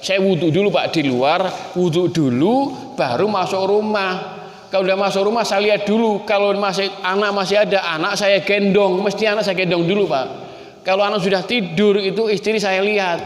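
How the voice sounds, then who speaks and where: A man's voice: high voice, fairly even intonation, moderate pace. A male preacher with a Javanese accent, giving a folksy sermon and talking straight to his listeners. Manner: folksy, addresses listeners as Pak and Bu, mixes in Javanese. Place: mosque or community hall. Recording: echoey hall with long reverb.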